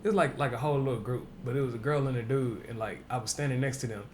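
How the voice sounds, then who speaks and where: A man tells a story in a relaxed, rambling way as he co-hosts a podcast. His voice sits at an ordinary middle pitch. Faint background noise runs under the talk. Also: very fast. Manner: laid-back storyteller, says "you know what I'm saying" a lot. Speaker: podcast co-host. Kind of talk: casual chat.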